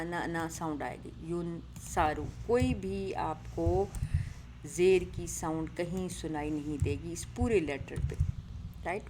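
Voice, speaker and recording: Woman, grammar teacher, patient explaining, somewhat low voice, audible background hiss. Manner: explains patiently, mixing English words, asks "right?" often. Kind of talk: online grammar lesson.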